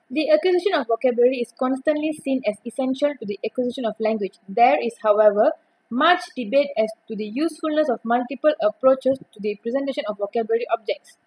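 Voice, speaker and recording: Reading a prepared academic talk, a young woman from Malaysia holds an even reading pace but occasionally starts a word over. Her voice is a bit high, with breathiness and a husky quality. The recording quality is low.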